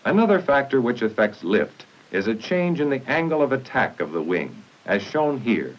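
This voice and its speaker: The narrator is an American man with a mid-range, sing-song voice, giving formal instruction in a measured way. It's a 1950s military training film with a muffled, noisy old soundtrack.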